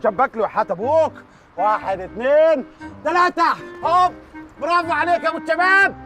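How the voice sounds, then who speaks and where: A man's voice: very high voice, brisk, bright, forceful tone, soft background music. An actor with an Egyptian accent playing a brash, hapless young man who pleads, wheedles and curses in a comedy series. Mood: frantic. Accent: Egyptian Arabic. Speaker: comic lead in a TV series.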